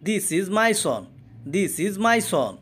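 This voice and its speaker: A man teaching English pronunciation, repeating each word and its meaning twice in a slow, patient explanation. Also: high-pitched, big pitch swings, a bit bright, breathy edge. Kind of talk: spoken language lesson.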